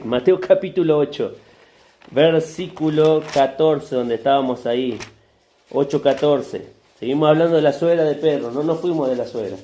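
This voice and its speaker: A man's voice: fairly high pitch, dark tone. A male pastor, preaching a sermon with rhetorical questions and repetition. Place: church hall. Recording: echoey church hall.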